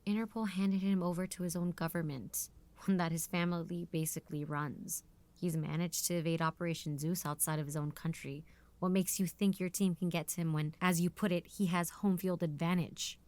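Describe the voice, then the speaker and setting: In a scripted audio drama, a female voice actor plays a defiant, no-nonsense military strategist, firm and assertive. Her voice sits on the low side, fairly even and a little mellow at a moderate pace, close to everyday speech, sounding impatient and businesslike.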